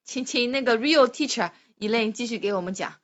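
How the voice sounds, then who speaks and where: A woman's voice: a little high, lively intonation, brisk, lo-fi sound. A woman reading a picture book with a child, prompting with playful, encouraging questions.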